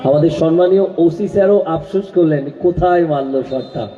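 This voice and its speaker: A man's voice: a little high, brisk, warm tone. A man with a West Bengal Bengali accent giving conversational football co-commentary over the sound system at an outdoor ground. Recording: echoey, dull lo-fi PA sound.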